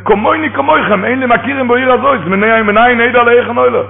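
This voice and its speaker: Man acting as a pleading stranded traveler, high anxious voice, gravelly, phone-like radio. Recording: tinny phone-line radio broadcast.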